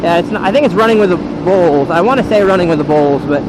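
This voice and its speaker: A man's voice: high voice, fast. An American man rambling casually to viewers from inside a motorcycle helmet as he rides and vlogs. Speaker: motovlogger. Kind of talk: casual rambling vlog while riding a motorcycle. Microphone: helmet microphone. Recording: loud engine and wind noise, helmet mic.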